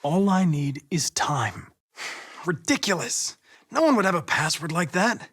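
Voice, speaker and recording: A young male android police investigator from a video game, with an American accent, delivers isolated dramatic lines in a precise, clipped, formal, measured way, turning insistent when pressed. He is polite, composed, clinical, and relentlessly mission-driven, yet his pitch moves widely with lively intonation and a fairly bright, breathy tone. It's a full character voice, recorded very dry and close with no echo.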